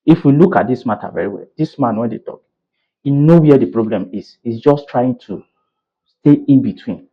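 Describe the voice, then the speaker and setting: An opinionated Nigerian man talks straight to his viewers, mixing in Pidgin and checking whether they follow. His voice has an ordinary pitch, and the recording sounds a little dull and muffled. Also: lively intonation, moderate pace. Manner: opinionated, mixes in Pidgin, asks "you understand?". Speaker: commentator. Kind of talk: casual commentary.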